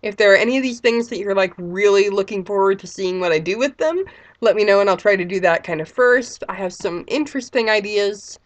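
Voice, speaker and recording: A woman's voice: medium pitch, a little fast. A woman in her thirties with a sick voice, chatting casually and rambling as a vlogger. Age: 30s. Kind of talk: casual chat.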